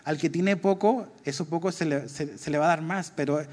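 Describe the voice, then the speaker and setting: A man's voice: a little high, moderate pace, a little mellow. A man preaching a sermon as pastor, in a conversational way, asking his listeners questions. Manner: conversational, asks the congregation questions.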